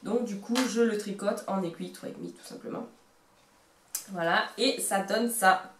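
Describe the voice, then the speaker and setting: A chatty woman in her thirties speaks with a Marseille accent, wandering through her thoughts with hesitant pauses and wry jokes at her own expense. Her voice sits at an ordinary pitch for a woman. The room around her adds a noticeable echo. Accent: Marseille French. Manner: rambling, self-mocking, hesitant. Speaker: knitting vlogger. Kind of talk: casual show-and-tell chat. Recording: roomy echo.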